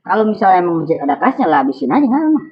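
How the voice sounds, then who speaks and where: A woman's voice: fairly low pitch, sing-song, rapid-fire, a crowd in the background. Betawi woman chatting, lo-fi sound. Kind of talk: comedic casual chat.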